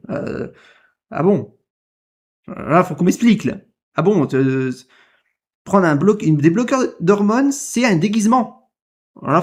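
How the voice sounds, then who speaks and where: A man reacting to a clip in casual commentary, indignant and repetitive, firing rhetorical questions. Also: on the high side. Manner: indignant, repeats himself, fires rhetorical questions.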